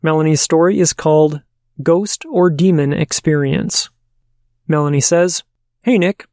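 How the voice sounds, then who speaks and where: A man hosting a paranormal podcast, reading listener letters aloud in a steady, measured way. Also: fairly high pitch, dry recording, clean studio sound.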